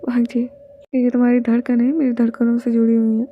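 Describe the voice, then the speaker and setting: Her delivery is completely flat and fairly quick as this high-leaning female voice reads a romance fanfiction, taking on all the roles and often whispering. Faint noise sits under a dull, lo-fi recording.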